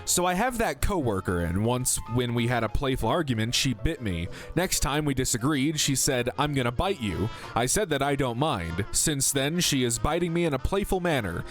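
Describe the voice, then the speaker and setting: A man's voice: mid-range voice, sing-song, moderate pace, faint music behind. A man doing comedic read-aloud commentary as a host, theatrical, with sweary asides. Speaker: YouTube host reading social media posts aloud.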